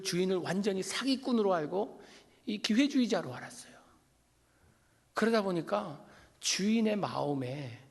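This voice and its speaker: A middle-aged man from Korea, a guest pastor preaching a revival sermon, telling stories animatedly and swinging from loud to hushed. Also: high voice, gravelly, breathy edge. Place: church sanctuary. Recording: long church hall reverb.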